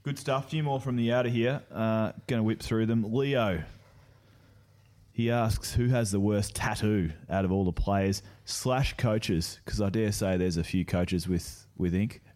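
Mellow, low-voiced Australian male host. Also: a little slow. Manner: informal, matey. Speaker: podcast host. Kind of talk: casual chat.

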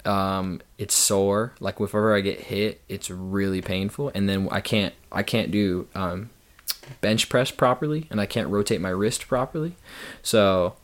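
A young man, a podcast guest, telling a story in a casual, animated way and acting out the people in it. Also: unhurried. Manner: animated storyteller, acts out quotes with big jumps in pitch.

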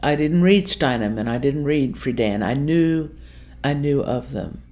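Low, mellow older woman. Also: expressive, a little slow. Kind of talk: casual interview.

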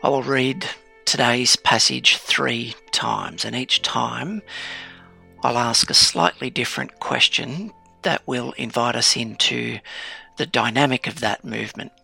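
A man with a heavily creaky yet very bright, crisp-edged voice guides a calm grounding meditation. He speaks slowly and reflectively, leaving deliberate pauses between phrases, with music behind him. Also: medium pitch. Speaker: leader of a guided scripture meditation.

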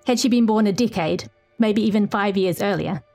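A middle-aged woman reads a long feature aloud. Her voice sits at an ordinary middle pitch, and her reading is steady and clear. When answering questions she talks more loosely, with small restarts. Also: moderate pace, faint music behind. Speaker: reporter.

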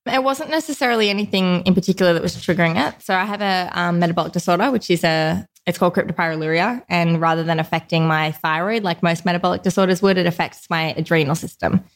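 A woman's voice: on the low side, fast, few pauses. A woman from Australia, a podcast guest talking openly and casually about her life, with lots of "like" fillers. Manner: open, chatty, frequent "like" fillers. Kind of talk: casual conversational interview.

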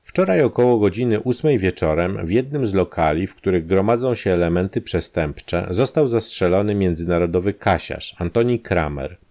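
A man narrating a scripted crime story for a podcast, measured storytelling with expressive rises. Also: low voice.

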